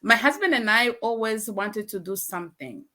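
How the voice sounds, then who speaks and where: A woman's voice: on the high side, lively intonation, normal speed, bright, forceful tone. A woman from Canada, a guest in an online interview over a video call, speaking earnestly and repeating her words.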